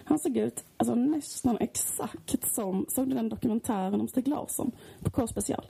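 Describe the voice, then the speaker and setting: A woman co-hosting a podcast, telling stories in an animated, chatty way. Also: fairly high pitch, creaky, breathy edge. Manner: animated storyteller, chatty with fillers. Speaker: podcast co-host. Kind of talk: casual chat.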